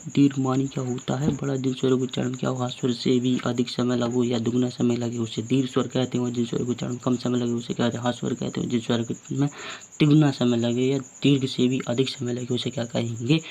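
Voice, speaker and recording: A man's voice: medium pitch, creaky, mellow, slight background noise. A male teacher giving a casual grammar lesson, asking his own questions and answering them, and sometimes correcting his slips.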